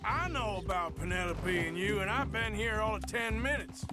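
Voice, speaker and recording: An actor playing a gruff, sardonic adult outlaw in a video game, speaking bluntly. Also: male voice, sits high, moderate pace, over music, natural voice. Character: gruff, dry-witted male outlaw, adult. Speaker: game character.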